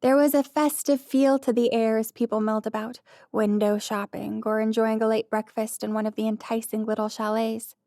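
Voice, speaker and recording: A woman narrating a light romantic comedy in an even, storytelling manner. Her voice sits fairly high, and the studio recording is close and dry. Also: normal speed, hardly any pauses, no echo. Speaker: audiobook narrator. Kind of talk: scripted narration.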